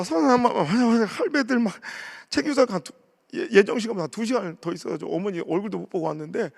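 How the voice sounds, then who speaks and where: A man in his forties, a pastor preaching a revival sermon, telling family stories in a lively way and acting out the voices of his relatives. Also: high voice, vocal fry, husky. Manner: animated storytelling, acting out family members' voices.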